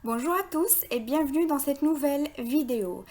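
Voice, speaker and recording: A woman with a high-sitting, darkish voice gives a phonics lesson to young children, slowly and deliberately sounding out words syllable by syllable and praising their answers.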